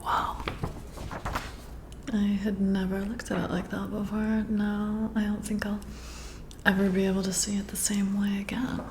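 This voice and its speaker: A natural, mid-range voice with flat delivery whispers breathily near the mic amid background noise. The woman acts as a flirty, intrigued boss administering a personality test in ASMR, moving slowly with an admiring, softly hesitant manner.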